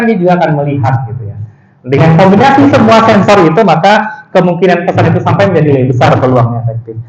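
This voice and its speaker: A man giving a seminar talk to university students, speaking to them directly with lively, emphatic intonation and frequent casual tag words. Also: sits high, reverberant, rough recording. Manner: addresses audience as "saudara", frequent "gitu" tags, lively emphatic intonation. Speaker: guest lecturer.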